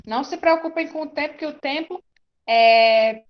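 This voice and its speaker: A woman's voice: high-pitched, normal speed, highs cut off. A woman with a Brazilian Portuguese accent teaching an online class, reassuring and often asking "tá certo?".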